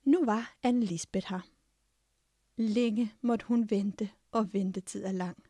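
A woman reads a fairy tale in a slow, hushed storytelling voice that keeps sinking into unvoiced whispers. Her tone is dark and mellow with a husky, creaky texture. The close studio recording is completely dry. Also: mid-range voice, fairly even intonation, no room sound. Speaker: audiobook narrator. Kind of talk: scripted fairy-tale narration.

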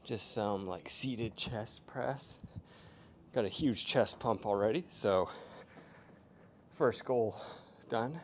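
A young man chats in a relaxed, rambling way, full of fillers, while he works out. His voice sits fairly low. A faint rumble hums underneath, picked up by a small clip-on mic in a hotel gym. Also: slow. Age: young adult. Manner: laid-back, rambling with many fillers. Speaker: fitness vlogger. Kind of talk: casual vlog narration between sets. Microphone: small clip-on mic, camera at a distance.

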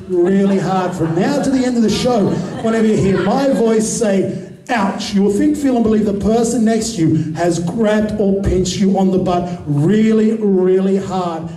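Brief: Australian male stage hypnotist, high voice, mixes shouted cues with soft trance talk. Roomy live venue recording with crowd noise. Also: distant mic. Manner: shouted commands, then soft slow hypnotic murmur. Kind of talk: live comedy hypnosis show. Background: audience laughter and noise.

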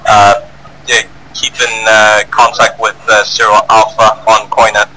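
A man's voice: lowish voice, flat delivery, unhurried, background noise. A man speaking in clipped, formal call-sign radio talk, heard over a walkie-talkie as a squad radio operator in a military game.

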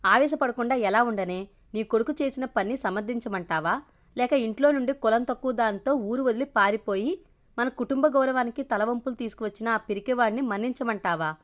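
A woman voicing a proud, hot-tempered middle-aged village patriarch who shouts commands. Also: on the high side, fairly quick, close to an everyday voice. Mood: furious.

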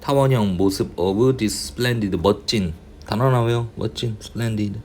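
A male English tutor going through a reading passage, reading the English slowly and explaining in quick asides, often muttering and grumbling to himself. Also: lowish voice, a little mellow, slight background noise. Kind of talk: casual reading-passage lecture.

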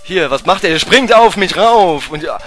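A German-accented man playing through a game and talking the whole time, his voice bright and a touch high. He swears at the game and swings between low grumbling and yelps of panic. He sounds like he is at a home desk mic, with the game's music playing faintly underneath. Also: moderate pace. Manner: excitable, swears at the game, swings from mutters to shrieks. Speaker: let's play gamer. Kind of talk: live gameplay commentary.

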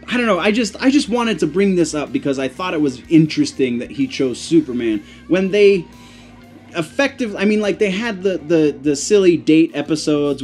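An animated young man with a slightly high voice talks through comic news to camera, chatty and quick to correct himself. Faint music plays softly behind him in a small cluttered room. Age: young adult. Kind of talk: casual news chat to camera. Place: small room full of posters and collectibles, indoors.

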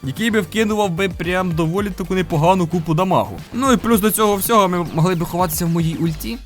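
A man's voice: sits high, fast talker, faint music behind. A man giving playful, upbeat live gameplay commentary as a gaming video host, dropping in sound-effect interjections.

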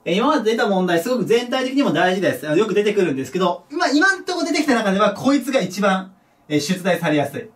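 A man teaching a recorded English pronunciation lesson, animated, dropping low to repeat example words. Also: quick pace. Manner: lively, drops to a low murmur for example words. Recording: voice a bit distant from the mic.

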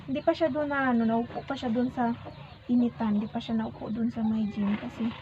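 A woman with a high voice and a lingering cough rambles casually through a home vlog as she does the laundry by hand outdoors. She sounds tired, full of fillers and restarts. The recording is dull and lo-fi, and roosters and chickens cluck loudly behind her. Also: steady tone, brisk, noisy background. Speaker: mother and vlogger. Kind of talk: casual vlog chat, mixing in English with her child.

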